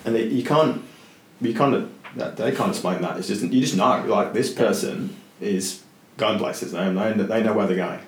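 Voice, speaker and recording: A man telling a story as a podcast guest, animated and full of restarts and repeated words. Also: fairly low pitch, normal speed. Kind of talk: casual storytelling in conversation. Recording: roomy with faint hiss.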